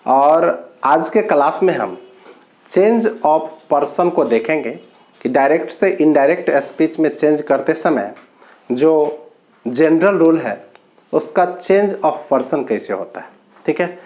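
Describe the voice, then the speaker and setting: A man teaching an English grammar lesson, explaining slowly with drawn-out words and repeated points. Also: on the high side, expressive, a little mellow.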